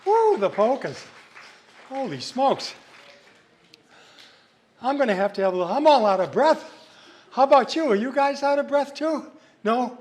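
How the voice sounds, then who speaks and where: A man's voice: very high-pitched, very animated, moderate pace, pauses often. A man working as a sing-along entertainer, with jokey, folksy patter between songs as he chats with his audience, live music behind him. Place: live venue hall. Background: live instrumental music.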